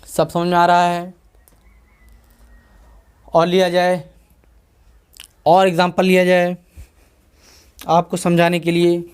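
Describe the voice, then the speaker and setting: A man's voice: sits high, monotone, takes it slowly, long pauses, clear, resonant tone. A man with a Hindi-speaking North Indian accent teaching a math lecture, who keeps asking and answering his own questions and checking in with the class. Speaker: math tutor.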